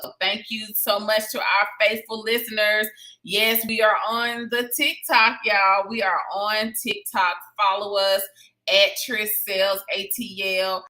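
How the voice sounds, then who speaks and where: Casting: bright-voiced woman, realtor hosting a livestream, chatty and promotional. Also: medium pitch, low-quality recording. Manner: chatty and promotional, with southern "y'all". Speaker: real estate agent hosting a weekly live stream. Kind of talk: casual live-stream talk to viewers.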